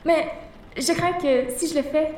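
A woman's voice: sits high, unhurried, darkish tone. A woman playing a pious, self-righteous teenage boarder who stammers and pleads, in an audio drama. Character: pious prim teenage boarding-school girl. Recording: roomy, distant mic.

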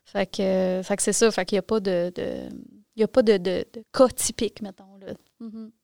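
Quebec French woman guest, explanatory and halting, smooth clear tone, dry close sound. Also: mid-range voice, steady tone, dark tone, no room sound. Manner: explanatory, thinks aloud with many restarts. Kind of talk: casual podcast discussion.

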